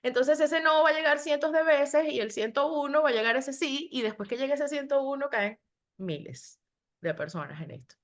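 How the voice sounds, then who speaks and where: Woman, podcast guest, lively storyteller, mimics callers, conversational. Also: sits high, normal speed. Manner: animated storyteller who acts out callers' voices. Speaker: guest, telemarketing agent.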